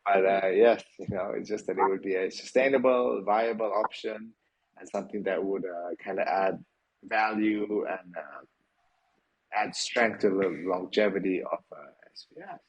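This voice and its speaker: A man with a lowish voice hosts a live online audio chat, speaking off the cuff. He leans on fillers and tag questions and now and then lets a swear slip. Faint noise sits under the recording. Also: fairly even intonation, normal speed, lo-fi sound. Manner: loose, filler-heavy, informal and a bit profane. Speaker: project team member hosting an AMA.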